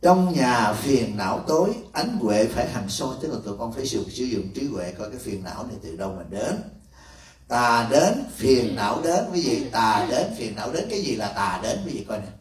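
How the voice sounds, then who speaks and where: A man's voice: mid-range voice, sing-song, a little fast. A man, a monk, teaching disciples in a folksy, teasing way and acting out little dialogues. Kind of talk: dharma talk to disciples. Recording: echoey room from far off.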